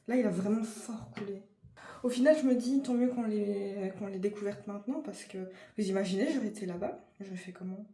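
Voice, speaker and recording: A woman's voice: mid-range voice, mellow. Chatty French woman in an echoey room. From France. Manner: chatty, informal, frequent fillers and restarts. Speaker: vlogger. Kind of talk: casual vlog chat. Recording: echoey room with faint noise.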